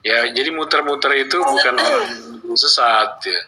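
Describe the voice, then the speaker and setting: A man hosting and moderating a debate, calm and conciliatory as he steers the discussion point by point. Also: mid-range voice, moderate pace, background noise. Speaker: host and moderator.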